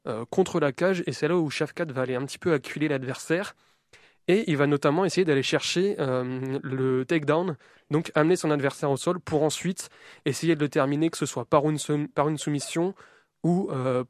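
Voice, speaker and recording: A man's voice: on the high side, no room sound, studio quality. A man co-hosting a casual sports show, breaking down a fighter's style in a methodical and enthusiastic way. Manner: enthusiastic, methodical, self-deprecating. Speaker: co-host of a combat sports show. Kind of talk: casual sports debrief, detailed fighter analysis.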